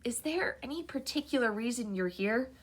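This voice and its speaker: Brief: woman reading as nervous, polite young boy, a bit higher than her own voice, awkward. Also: animated, normal speed. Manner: nervous, polite, hushed at times.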